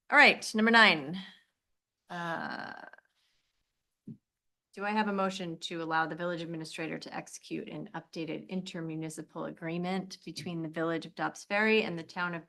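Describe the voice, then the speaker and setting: A woman's voice: fairly low pitch, pushed and bright. A woman chairing a village board meeting as mayor, informal and joking, with many fillers as she reads out agenda items. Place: municipal meeting room.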